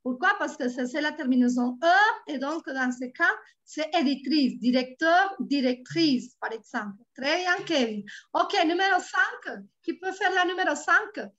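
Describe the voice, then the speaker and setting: A woman with a Colombian Spanish accent, a native Spanish speaker, tutoring French over a video call. She repeats words slowly and patiently. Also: sits high, lively intonation, fairly bright tone. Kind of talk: online language lesson. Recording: dull lo-fi online call audio.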